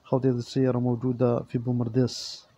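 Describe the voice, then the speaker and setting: A man with an Algerian Arabic accent reading out used-car listings and prices as the regular presenter, in a steady listing manner. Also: medium pitch, fast talker, a little hiss or hum. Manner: monotone listing of specs and prices.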